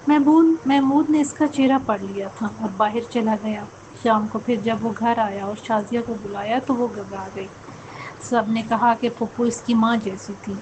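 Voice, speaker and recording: A woman narrating a scripted story in a steady, even storytelling delivery. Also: on the high side, background noise.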